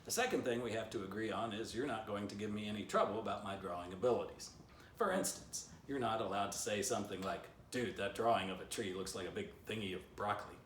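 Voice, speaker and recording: He talks fast, with a fairly low pitch and fairly bright tone, as he reads his own children's book in a living room by the fireplace. The man, in his fifties, keeps adding playful, chatty comments to young listeners. A camera a few feet away yields a roomy, slightly distant home recording with slight background noise.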